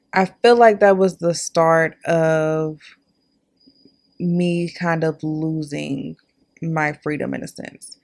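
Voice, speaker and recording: Speaking in a fairly low, slightly mellow voice with vocal fry, a young woman in her twenties hosts a podcast. She tells her own story candidly and chattily, addressing her listeners directly.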